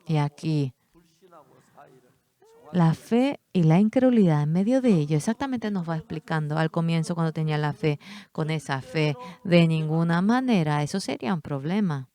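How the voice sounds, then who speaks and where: A man preaching a sermon, reading scripture aloud and pushing his voice up high for emphasis. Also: expressive, moderate pace, dark tone, smooth. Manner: preaches with sudden high-pitched emphatic bursts.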